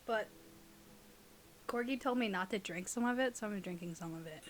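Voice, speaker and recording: Heavy background noise surrounds a young woman, a podcast co-host who also makes audio roleplays, as she chats and reads aloud at normal speed. Her medium-pitched voice has a casual, teasing, giggly quality.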